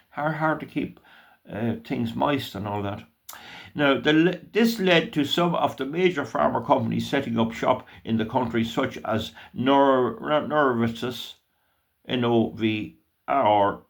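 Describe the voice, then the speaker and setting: A man's voice: medium pitch, a bit bright. A man giving casual, rambling commentary to his viewers, often stumbling over words and restarting, with folksy asides. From Ireland.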